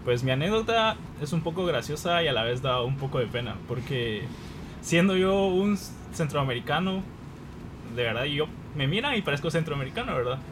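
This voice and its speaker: A man's voice: fairly high pitch, big pitch swings, moderate pace, background noise. A man from Guatemala, a guest on the program, telling a personal anecdote in a casual, self-deprecating way, laughing now and then.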